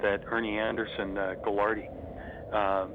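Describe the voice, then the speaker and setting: A man's voice: on the low side, little pitch movement, moderate pace. A middle-aged man telling stories casually as an interview guest, with a fan's enthusiasm. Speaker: interview guest, horror host. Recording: noisy, thin phone-like line.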